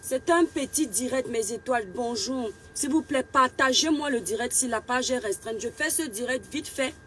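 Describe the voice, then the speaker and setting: A woman's voice: on the high side, normal speed, a bit bright. Woman greeting live-stream viewers by name.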